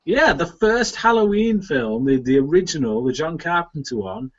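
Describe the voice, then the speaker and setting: A blunt, opinionated man arguing about films with friends, his voice a bit high and very lively. The audio is muffled and lo-fi. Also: normal speed. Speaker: co-host of a movie commentary. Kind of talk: casual group chat.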